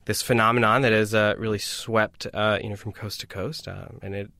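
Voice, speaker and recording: A man guesting as a researcher on a podcast, relaxed and easygoing, with frequent fillers. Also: fairly low pitch, normal speed, vocal fry, dry recording. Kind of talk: interview.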